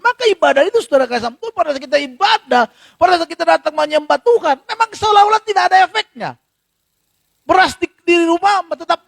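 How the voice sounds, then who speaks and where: A male pastor preaches in a church in a conversational, storytelling manner and acts out snatches of dialogue. His voice sits very high and has a gravelly rasp, and his pitch rises and falls in a lively way. The sound is dry and close. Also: dry recording. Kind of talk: sermon.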